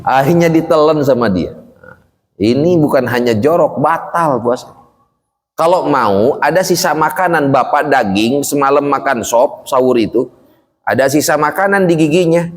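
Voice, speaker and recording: A man, an Islamic cleric, giving a humorous, colloquial lesson on fasting law in a mosque. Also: on the high side, expressive. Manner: joking, colloquial, acts out little scenes. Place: mosque hall. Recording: long hall reverb.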